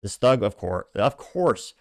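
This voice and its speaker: This American podcast host from the Midwest speaks a little slowly in a fairly low, creaky, sing-song voice while reading posts and rambling casually about politics. The studio-quality recording has no room sound.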